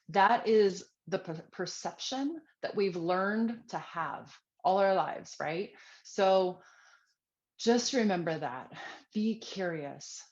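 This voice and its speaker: A woman's voice: mid-range voice, darkish tone, muffled recording. A woman parenting coach giving tips straight to camera, earnest and conversational, with easy fillers. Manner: earnest, conversational, with frequent fillers and acted-out quotes.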